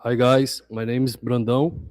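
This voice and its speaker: A man from Brazil, a software developer, introducing himself earnestly while searching for words. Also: mid-range voice, level tone, normal speed, dry recording. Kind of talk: self-introduction.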